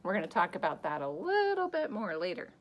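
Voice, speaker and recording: A woman in her thirties leading a kids' Bible lesson to the camera, gasping and exclaiming with exaggerated excitement for children, recorded at arm's length in a small wood-paneled room. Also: on the low side, fairly quick, highs cut off, over loud music. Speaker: children's church teacher.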